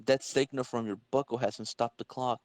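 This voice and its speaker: A man's voice: mid-range voice, fairly even intonation, moderate pace, dry recording, close to an everyday voice. A man voicing a wry, determined college-age superhero in an amateur comic-book reading. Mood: strained, puzzled. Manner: wry, quippy.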